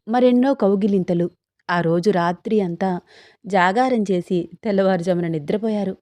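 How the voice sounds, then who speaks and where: A woman narrating a romantic story, voicing the dialogue of both lovers herself and lifting her pitch for the heroine. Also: dark tone, no room sound.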